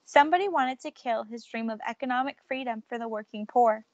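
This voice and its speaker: Gravelly woman reading a storybook aloud. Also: fairly high pitch, a little fast, dry recording, dull audio. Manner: expressive, shifts loudness for drama. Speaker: storyteller reading a picture book. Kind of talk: read-aloud storybook narration.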